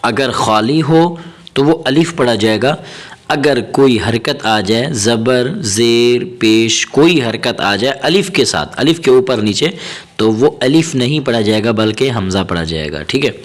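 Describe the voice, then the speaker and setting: A man teaching Quran reading, slowly spelling out and chanting each syllable, then explaining the rules in quick bursts. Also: medium pitch, lively intonation. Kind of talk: spelling-out recitation lesson.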